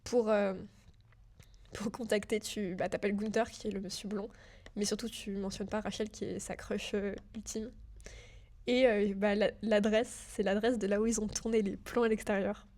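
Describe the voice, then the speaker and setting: A young woman chats through her student web project in a casual, filler-heavy way. She sounds a little nervous as she talks straight to the viewer. Her pitch stays fairly level and even throughout. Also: normal speed. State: a bit nervous. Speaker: digital school student. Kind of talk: casual screen-share walkthrough.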